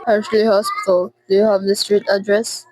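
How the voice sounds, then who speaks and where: A woman's voice: mid-range voice, level tone, normal speed, darkish tone, lightly acted, low-quality recording. A teenage girl acting in a radio drama as a formal, detached female telephone operator with a polite, routine manner.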